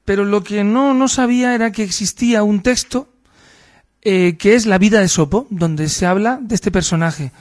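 A man's voice: high-pitched, moderate pace. A man hosting a radio show, telling a story aloud in a thoughtful, hesitant way with fillers.

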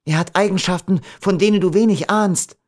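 A man playing a gentle doomed young woman. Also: takes it slowly. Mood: tender, pleading. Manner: soft, pleading, raised pitch.

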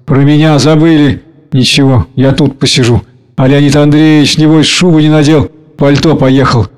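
A man's voice: on the high side, steady tone, moderate pace, a little mellow, smooth, lightly acted. A man reading a play aloud and voicing a frail, sick old manservant muttering to himself.

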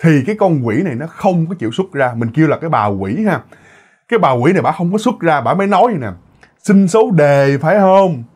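A man's voice: fairly high pitch, expressive, quick pace, slightly rough. A man telling a ghost story in a casual, repetitive way with many fillers.

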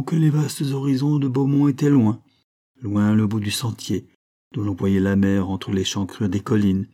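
A man reading a novel aloud as narrator, measured and expressive. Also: lowish voice. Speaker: audiobook reader.

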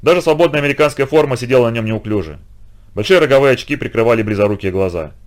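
A man narrating an audiobook in an even storytelling read. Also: mid-range voice, rapid-fire.

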